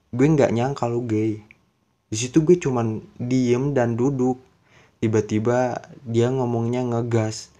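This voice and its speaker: A man telling a personal story in a casual, confiding, halting way. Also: on the low side, mellow.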